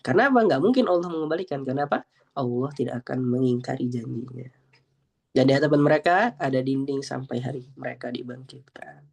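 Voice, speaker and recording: A man leads a relaxed religious study session, reading scripture in slow, measured recitation. Between verses he turns lively and chatty, acting out the voices he quotes with rising pitch. He often adds a tag to the end of his phrases and speaks directly to his listeners. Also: vocal fry, breathy edge. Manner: animated, acts out quoted voices, frequent laughs and "gitu kan ya" tags; slows down to recite Arabic verses. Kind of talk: casual Islamic study talk with Quran recitation.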